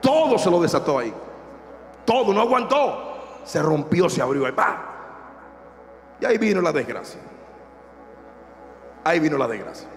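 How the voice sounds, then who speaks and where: Casting: animated male pastor with a high voice, joking sermon, long church reverb. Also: moderate pace, pauses often, soft background music. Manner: lively, joking, acts out scenes.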